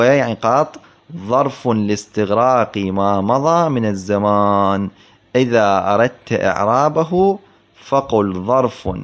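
A man teaching a grammar text in class, explaining slowly, repeating words for emphasis and posing questions to his students. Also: mid-range voice. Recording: dull lo-fi recording.

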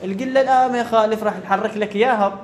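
A high-pitched man teaches a grammar class. He keeps asking whether the point is clear and repeats key words. Faint noise sits under the recording. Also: fairly even intonation, racing. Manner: asks students questions and repeats key words. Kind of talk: classroom lecture.

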